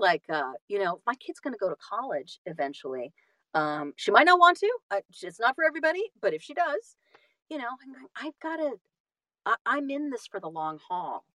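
With a fairly high, sharp-toned voice and no echo, a middle-aged woman who narrates audiobooks talks as a podcast guest. She's casual and pokes fun at herself, frequently starting over and repeating what she says.

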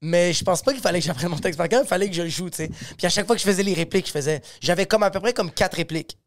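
A man's voice: sits high, rapid-fire. A man with a Quebec French accent telling anecdotes in casual, slangy chat and acting out the dialogue. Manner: slangy, acts out quoted dialogue. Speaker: actor on a talk panel.

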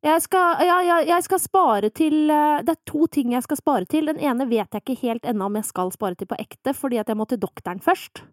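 This is a young woman co-hosting a podcast with a fairly high voice. She talks in a chatty, frank, self-mocking way. Her voice sounds close and dry. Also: lively intonation, few pauses, no echo. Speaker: podcast co-host. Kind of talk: casual podcast chat.

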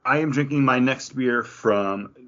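A podcast co-host reviews drinks in a casual beer chat, sounding hesitant and correcting himself as he goes. His voice is medium-pitched with a fairly bright tone and a measured pace, on a lo-fi recording.

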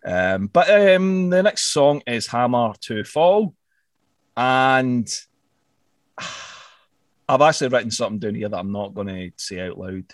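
A chatty Scottish man hosts a relaxed talk show, his pitch swinging up and down as he goes. The sound is dry and close. He fills gaps with ums and restarts. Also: slow, pauses often, dry recording. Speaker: podcast host. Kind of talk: casual chat.

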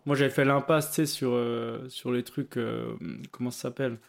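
A man's voice: mid-range voice, fairly even intonation, moderate pace, vocal fry. A young man co-hosting a podcast, chatting casually and hesitantly while giving study tips. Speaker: podcast co-host. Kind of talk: casual chat.

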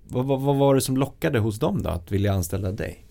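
A man hosting a casual interview, asking relaxed questions and filling in with short murmurs. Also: mid-range voice, vocal fry. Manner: relaxed, frequent backchannel murmurs.

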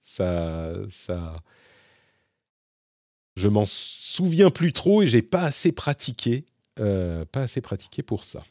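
Guy host rambling thru viewer questions, lots of euh and restarts, low dark voice, dry close sound. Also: very animated, slow, long pauses, no echo. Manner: chatty, rambling with many fillers and restarts. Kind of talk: casual Q&A monologue.

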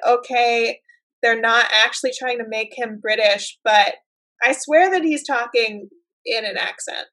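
A woman's voice: on the high side, a bit bright, rough recording. A woman co-hosting a casual chat, musing her way through her thoughts with frequent fillers. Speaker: podcast co-host. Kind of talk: casual chat about a TV episode.

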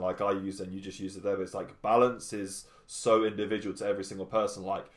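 A man with a slightly low voice hosts a casual podcast. He rambles in a blunt, sweary way and slips into quoting imagined conversations. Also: roomy sound. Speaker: podcast host.

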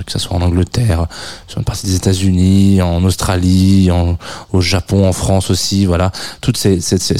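A man's voice: sits low, darkish tone. A man hosting a live music radio show in a rambling, casual way, full of hesitations and restarts, with a self-mocking humor. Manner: self-mocking, chuckles at his own jokes. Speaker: radio host.

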